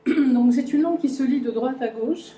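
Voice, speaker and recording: Woman lecturer, dark mellow voice, halting talk to a live audience, roomy echo. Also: high voice. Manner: hesitant, many fillers and restarts, addresses audience directly. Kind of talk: conference talk explaining a language. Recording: echoey lecture room.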